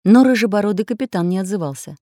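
A woman's voice: mid-range voice, fast, no room sound, studio quality. Woman narrating a children's story. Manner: expressive storytelling.

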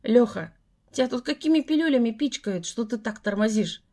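A woman's voice: on the high side, animated, moderate pace, warm tone. A woman voices a jovial man who jokes and teases in a hearty voice. It is an audiobook reading. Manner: hearty, joking. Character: jovial man, friend of the family.

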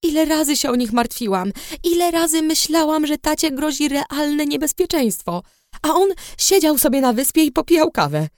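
A woman narrating a story in the first person, with expressive storytelling. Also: sits high, moderate pace, no room sound, clean studio sound. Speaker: audiobook narrator.

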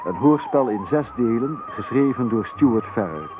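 A man's voice: medium pitch, expressive, normal speed. A man reading a scripted title announcement for a radio drama. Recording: thin phone-like sound, music behind.

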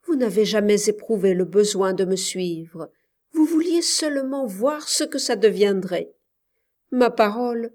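A woman's voice: mid-range voice, a little mellow, lightly acted. A woman reading the part of a young man who has returned as a scholar, reproachful and bitter, in an audiobook.

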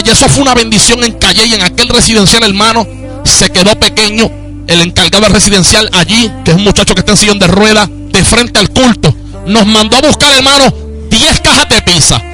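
Male Puerto Rican evangelist, fervent radio preacher, high and bright, faint music bed. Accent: Puerto Rican Spanish. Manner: fervent, peppered with hallelujahs.

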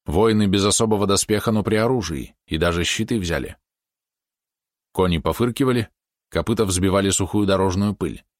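Low-voiced male audiobook narrator. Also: fairly quick, no echo, studio quality. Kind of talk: scripted narration.

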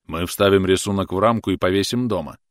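A man doing a calm, sly working father. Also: low voice, fast, dry recording, lightly acted. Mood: deadpan. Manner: calm, dry and deadpan.

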